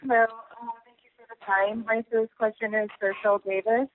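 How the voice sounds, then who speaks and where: A woman's voice: a little high, level tone, moderate pace, no echo. A woman asking questions as a reporter on a telephone conference call. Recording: narrow, dry phone line.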